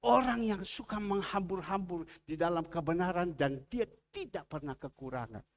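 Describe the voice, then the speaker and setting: A man preaching a sermon as a pastor, acting out the people in his stories with a raised voice and dropping low to make his point. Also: moderate pace. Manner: animated, acts out quoted people with a raised voice, then drops low to preach.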